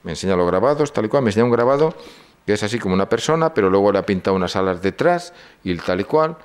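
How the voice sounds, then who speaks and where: Deep-voiced older man from Spain, lecturing. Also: animated, racing, clean tone. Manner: storytelling, acts out dialogue. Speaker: speaker on psychology and symbolism.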